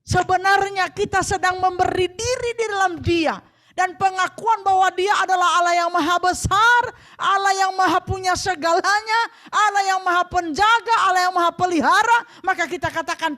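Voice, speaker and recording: A woman preaching a sermon, moving from soft pleading lines to loud proclaiming ones. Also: extremely high pitch, normal speed.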